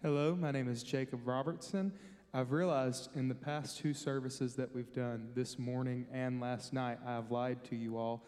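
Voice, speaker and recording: A nineteen-year-old man introducing a worship song to a church, relaxed and friendly. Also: medium pitch, normal speed, big-room sound. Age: young adult. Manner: relaxed, friendly, self-deprecating. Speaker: student worship leader. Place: church sanctuary.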